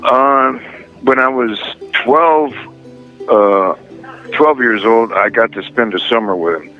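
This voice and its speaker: A man in his fifties speaking haltingly with many pauses, calling in over a prison phone line. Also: mid-range voice, faint music behind. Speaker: inmate guest calling in.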